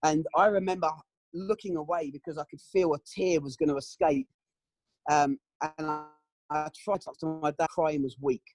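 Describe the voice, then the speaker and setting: A middle-aged man giving candid, emotional testimony in an interview, often pausing with "um" and "you know". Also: a little high, steady tone, darkish tone, low-quality recording. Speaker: interview guest.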